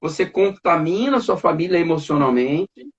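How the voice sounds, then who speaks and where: Halting higher-voiced pastor, dull audio. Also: male voice, lively intonation. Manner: halting, repeats words, acts out family arguments. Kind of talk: conversational church talk.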